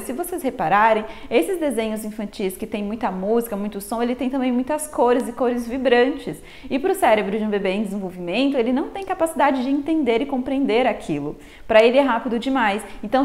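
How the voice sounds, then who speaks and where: A Brazilian woman with a Brazilian Portuguese accent, explaining baby development to viewers in a friendly teaching manner and often calling them "gente". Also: on the high side. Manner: warm didactic, addresses viewers as "gente". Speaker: pediatric health educator. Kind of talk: explanatory talk to camera.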